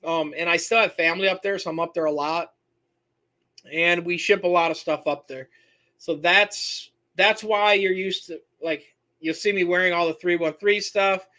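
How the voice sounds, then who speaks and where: A man's voice: high-pitched, fairly even intonation, normal speed, pushed and bright. A man from Michigan hosting a live-stream Q&A, answering viewers in a rambling, self-correcting way and reading their names from the chat. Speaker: host answering viewer questions.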